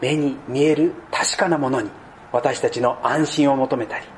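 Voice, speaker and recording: A man preaching a sermon as pastor, speaking deliberately and dropping to soft, low tones at key points. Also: fairly even intonation, a little hiss or hum.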